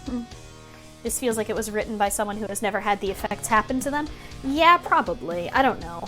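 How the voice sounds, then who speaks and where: A woman's voice: medium pitch, brisk, a bit bright. Sarcastic woman reading a game aloud. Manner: sarcastic, swears casually. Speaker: streamer. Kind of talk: reading a visual novel aloud with casual commentary. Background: faint music.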